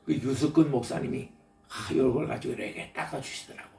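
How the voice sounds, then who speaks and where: Gravelly older man preaching in an echoey church. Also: mid-range voice, brisk, warm tone. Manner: folksy, anecdotal preaching with chuckles. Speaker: pastor. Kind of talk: sermon. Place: church sanctuary. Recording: echoey church from the mic's distance.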